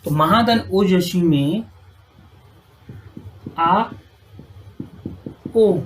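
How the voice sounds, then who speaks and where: At a whiteboard, a woman whose voice sits on the low side walks through a Hindi grammar lesson, often asking "ठीक है" and answering her own questions to the class. She sounds out letters slowly, and the rough recording has slight background noise.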